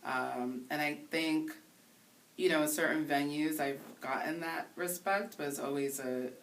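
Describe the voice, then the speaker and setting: Interview guest: woman DJ in her 30s from Haiti, unusually deep voice, earnest and reflective, recorded a little off-mic with light hiss. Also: steady tone. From Haiti, raised in the Bronx. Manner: thoughtful, earnest, pausing to find words. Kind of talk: casual interview. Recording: voice somewhat distant from the mic, faint hiss.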